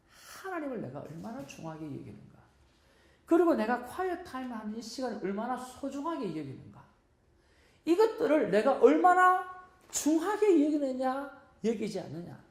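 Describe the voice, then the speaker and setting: Earnest woman teaching in an echoey hall. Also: medium pitch. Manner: earnest, storytelling, exhorting the audience. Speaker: seminar teacher. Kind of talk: teaching sermon.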